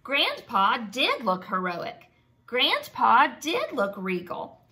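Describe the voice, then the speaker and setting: A woman teacher reads aloud expressively to young children, keeping her words simple and asking them questions along the way. Her voice is a little high, slow, and slightly rough.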